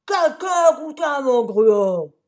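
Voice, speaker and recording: Storybook father bear, loud and indignant, read by a woman. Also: sits high, very animated, slow pace, voice pushed up, full character voice. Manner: loud, emphatic declarations.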